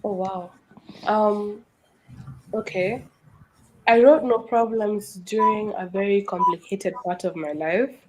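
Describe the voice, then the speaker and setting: A woman's voice: mid-range voice, takes it slowly, long pauses, background noise. A woman chatting casually and reflectively as an artist being interviewed. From Kenya. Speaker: hip hop artist, interview guest.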